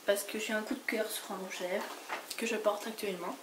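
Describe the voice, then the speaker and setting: A woman from France with a sick, hoarse voice, chatting casually through a makeup haul and rambling with lots of fillers and restarts. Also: mid-range voice, steady tone, brisk. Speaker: beauty vlogger. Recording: noisy home recording.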